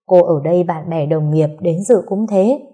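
Woman playing a bossy elderly mother-in-law, husky low voice, dark tone, storybook reading. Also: normal speed. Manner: bossy, scolding.

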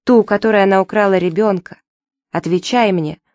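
A woman's voice: medium pitch, brisk, darkish tone, no room sound, studio quality, natural voice. A woman reading the part of a wronged mother who accuses her betrayer with anguish. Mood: accusing.

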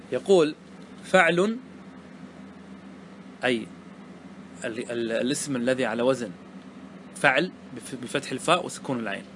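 A man's voice: fairly high pitch, a bit bright, slight background noise. A man teaching Arabic grammar, patiently asking and answering his own questions as he explains a verse poem.

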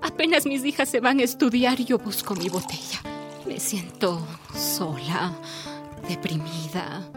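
Over music, a woman with a high voice and lively intonation speaks fairly quickly with few pauses. She plays a lonely, middle-aged housewife and mother who has turned to drink, narrating her life in a weary, confessional, tearful and self-pitying radio drama monologue.

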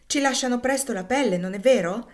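A woman's voice: a little high, a little fast, voice pushed up, close to an everyday voice. A woman voicing a sympathetic male blacksmith, earnest and questioning.

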